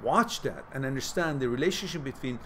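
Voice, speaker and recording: A man's voice: medium pitch, animated, fairly quick, fairly bright tone, slight background noise. A middle-aged man hosting a live question-and-answer stream, giving reflective advice and reading out viewers' messages. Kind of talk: casual live advice talk.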